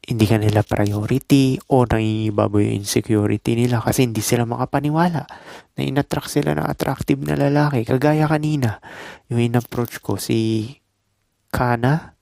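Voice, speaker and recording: A man's voice: medium pitch, gravelly, mellow, dry recording. A man from the Philippines giving casual dating and self-improvement advice in a laid-back, instructive monologue full of short loose phrases and tag questions.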